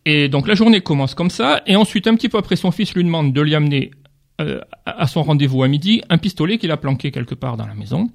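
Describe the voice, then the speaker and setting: A man's voice: on the high side, lively intonation, quick pace, gravelly. A man reviewing crime novels on a radio book chat, hesitant and often searching for his words.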